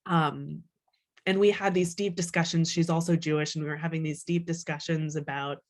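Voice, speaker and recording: A woman author with a low voice chats casually at a moderate pace during an interview. She's animated and talkative, sprinkling in lots of "like" and acting out little quotes as she explains things.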